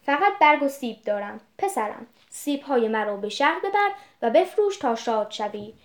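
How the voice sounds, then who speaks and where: A woman reading aloud voices the generous old tree from a storybook. She speaks high and soft, tender and pleading, and very animated.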